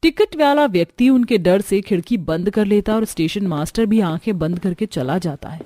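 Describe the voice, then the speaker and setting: A woman's voice: mid-range voice, normal speed, dark tone. A woman narrating a cartoon horror story in a dramatic, suspenseful storytelling style.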